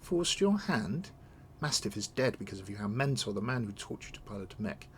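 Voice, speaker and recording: A man's voice: on the low side, fast talker, slight background noise, natural voice. A man voicing a resolute, wronged noblewoman in a video game, formal and accusing. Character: stern, wronged noblewoman seeking her throne. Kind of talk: read-aloud of video game dialogue.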